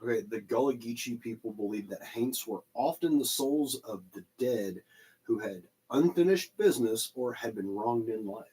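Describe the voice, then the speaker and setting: A man's voice: medium pitch, animated, normal speed, warm tone, breathy edge, low-quality recording. A man from Oklahoma, co-hosting a livestream and explaining word origins as if reading from notes. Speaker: paranormal livestream co-host. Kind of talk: casual livestream chat.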